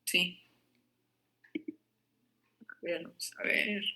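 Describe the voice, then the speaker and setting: A woman's voice: drawn-out words, bright, forceful tone. A woman doctor giving a health talk over a video call, her audio glitching and cutting out, often checking in with listeners. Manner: checks in with listeners through tag questions. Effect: choppy, cutting-out online call audio.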